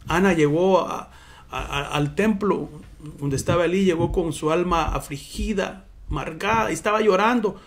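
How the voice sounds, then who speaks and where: A man's voice: sits high, moderate pace. A man preaching a sermon in church as pastor, earnest and personal, often calling his listeners brothers.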